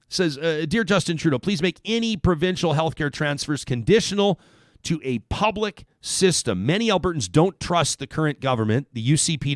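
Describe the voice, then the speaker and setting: A man's voice: medium pitch, no echo, clean studio sound. A man with a Canadian accent hosting a talk radio show, delivering an opinionated, sarcastic monologue. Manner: animated, sarcastic, swears casually. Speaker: radio host.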